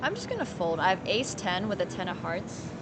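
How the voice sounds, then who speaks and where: Her mid-range voice swoops wildly in pitch as she talks briskly over a very noisy background. A woman from Finland, she's casually streaming poker, musing in rambling fragments and answering viewers' questions.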